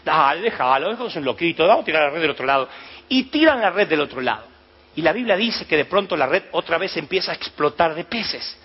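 A high-voiced man preaching a sermon, acting out the story with animated voices and sudden shouts. The sound is dull and lo-fi, like a live church recording. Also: quick pace, slightly rough.

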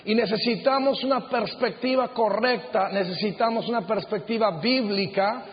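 Middle-aged pastor guy, high voice, earnest slow sermon, echoey hall, kinda dull muffled sound. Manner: earnest, measured preaching with slow emphatic phrases. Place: auditorium.

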